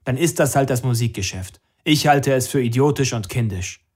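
A man reads a disapproving middle-aged father in an audiobook. He speaks bluntly and coldly, lecturing at an ordinary middle pitch. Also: lively intonation, normal speed, darkish tone, husky. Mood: stern. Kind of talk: audiobook character reading.

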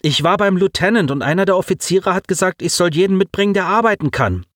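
A man's voice: high-pitched, expressive, fast talker, a bit bright, no room sound, studio quality, pitched above the performer's own voice. A man voicing a harried, anxious teenage boy. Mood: defensive. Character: anxious teenage boy stranded in a wrecked starship.

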